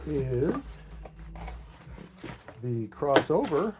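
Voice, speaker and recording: A middle-aged man, a DIY hi-fi hobbyist presenter, gives a casual, unscripted DIY explanation, rambling and self-deprecating as he thinks aloud. His voice is a little high with big pitch swings, and he speaks very slowly on a very noisy recording.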